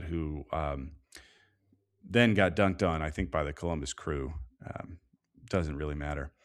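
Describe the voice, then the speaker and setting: On a casual sports podcast, a low-pitched male co-host works through soccer analysis at a measured pace, thinking aloud and using plenty of fillers.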